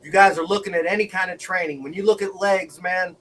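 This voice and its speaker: A man hosting a casual livestream grow show, talking in an excited, profane, laughing way. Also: high voice, fairly quick, distant mic, slight background noise, low-quality recording. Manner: hyped, profane, laughing often.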